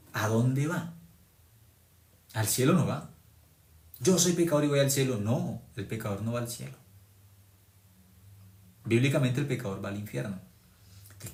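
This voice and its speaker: A man's voice: fairly low pitch, gravelly, reverberant. A man preaching a sermon, emphatic and repetitive, quoting scripture at length. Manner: emphatic, repeats phrases, quotes scripture at length.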